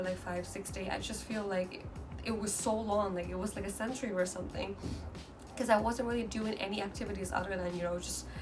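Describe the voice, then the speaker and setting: A woman with a medium-pitched voice, originally from mainland China and a native Mandarin speaker, talks earnestly in a casual personal vlog. Her delivery is halting, and she keeps restarting her sentences. The mic sits far from her, and background noise is clearly audible.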